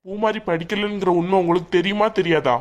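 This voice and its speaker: A woman's voice: lowish voice, steady tone, a little fast, dull audio, natural voice. A woman voicing an angry young married man in a cartoon, demanding answers from his mother. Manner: shouting, demanding. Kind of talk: cartoon voice acting.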